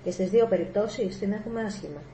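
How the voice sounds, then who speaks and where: A woman's voice: mid-range voice, mellow, a little hiss or hum, natural voice. A woman voicing a stern, determined female robot psychologist who speaks firmly and insistently. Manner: firm, insistent. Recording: echoey room, faint ambience.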